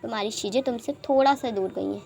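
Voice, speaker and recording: A woman narrating a romance fan fiction story in a chatty, expressive way. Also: on the high side, quick pace, creaky, soft background music.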